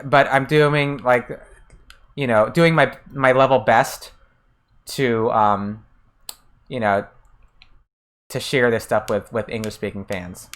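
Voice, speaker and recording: An American game streamer chats casually while playing, answering chat messages between gameplay. His medium-pitched voice has a fairly bright tone. He often trails off and restarts sentences as he responds to chat.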